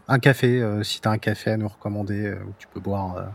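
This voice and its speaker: A man's voice: lowish voice, steady tone, fast talker. A man interviewing a guest in a casual chat, hesitant and encouraging, with many fillers.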